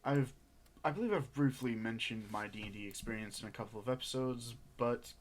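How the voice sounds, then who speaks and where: A young man co-hosting a casual podcast, rambling with many pauses and laughs as he tells stories. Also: mid-range voice, a little hiss or hum. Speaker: podcast co-host.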